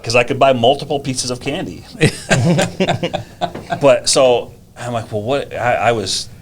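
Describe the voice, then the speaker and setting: A man in his fifties, a teacher and driving instructor, chats casually on a podcast and tells stories with a real gift of gab. His voice is medium-pitched and a little slow, with a faint hiss or hum in the recording.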